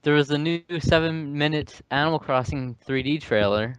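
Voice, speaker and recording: Smooth-voiced man reading gaming news. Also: on the high side, moderate pace, dry recording. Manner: upbeat, reads news aloud, teasing. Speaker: podcast guest. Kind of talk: casual chat.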